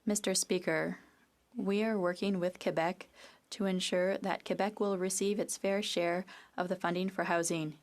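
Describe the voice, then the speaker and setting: A woman interpreting a parliamentary debate live, in a measured, neutral way with uneven phrasing. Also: lowish voice, steady tone. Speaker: simultaneous interpreter.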